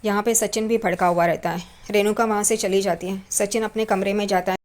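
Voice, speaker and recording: A woman's voice: mid-range voice, steady tone, brisk, darkish tone. Woman retelling a TV serial episode. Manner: retells scenes step by step, tagging quotes with a trailing "karke". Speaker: serial recap narrator.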